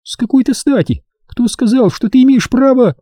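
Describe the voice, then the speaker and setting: A man's voice: big pitch swings, brisk, mellow, breathy edge, no room sound, studio quality, exaggerated voice. A man voicing a headstrong young girl hunter in an audiobook, with a raised, indignant voice. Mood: outraged. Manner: high-pitched and indignant.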